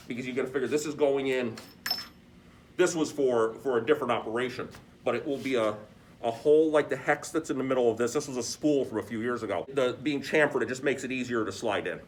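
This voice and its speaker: Male shop instructor, experienced machinist explaining step by step, mid-range voice, noticeable background noise. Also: mid-range voice. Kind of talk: hands-on step-by-step shop demonstration. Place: workshop beside a lathe.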